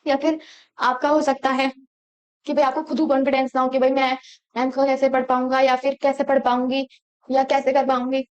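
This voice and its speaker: Woman, high voice, young, exam-prep lecture, rhetorical questions to the class. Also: little pitch movement, moderate pace, clear, resonant tone, highs cut off. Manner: explains in Hindi mixed with English terms, asks the class rhetorical questions. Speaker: teacher.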